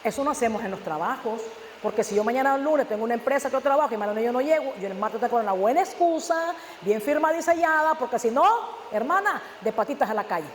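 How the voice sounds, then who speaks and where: A man preaches a fervent sermon in a high, bright-edged voice. He fires rhetorical questions and hits words with sudden loud stress. His voice rings through a church hall with long, echoing reverb. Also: expressive, quick pace, slight background noise. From Nicaragua. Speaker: pastor.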